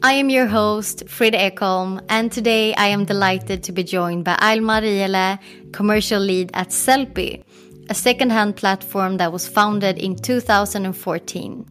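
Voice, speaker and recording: Woman, podcast host, scripted read, mid pitch, soft music underneath. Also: steady tone, unhurried. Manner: scripted, polished introductions. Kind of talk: podcast intro and interview.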